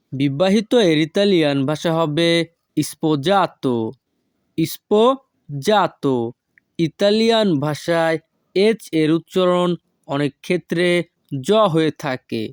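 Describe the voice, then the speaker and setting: Man, native Bengali speaker, vocabulary drill, very slow, repeats words carefully, dry close sound. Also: fairly high pitch, darkish tone, clean tone, no echo. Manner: repeats each foreign word slowly, syllable by syllable. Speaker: language teacher.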